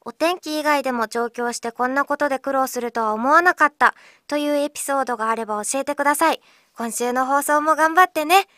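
A woman from Okinawa with a slight Okinawan accent, hosting a radio show in a chatty, playful way, reading listener letters with many filler pauses. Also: sits high, bright, forceful tone, no echo, studio quality. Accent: slight Okinawan Japanese. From Okinawa, Japan.

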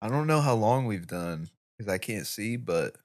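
A man's voice: on the low side, animated, moderate pace. A man hosting a podcast in casual chat, laid-back and profane. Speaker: podcast host.

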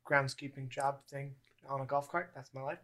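Young man, 21, bright tone, podcast host, rambling, lots of ums. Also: medium pitch, steady tone, normal speed. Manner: rambling, many fillers and restarts. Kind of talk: casual podcast chat.

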